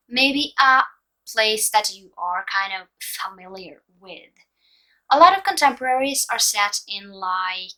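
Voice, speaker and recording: A Norwegian book vlogger in her twenties offers casual advice, speaking slowly and loosely with many hesitations and fillers in a relaxed way. Her mid-range voice is bright and clear with a Norwegian accent, as English isn't her first language, though the recording quality is low.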